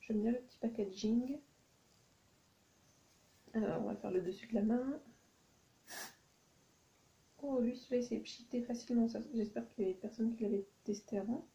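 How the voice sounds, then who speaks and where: At home at night, a YouTuber chats through a shopping haul for her channel, hesitant and thinking aloud with many ums in this casual vlog. Her voice sits on the high side at normal speed, with vocal fry, frequent pauses, and a dark tone, and the audio is dull.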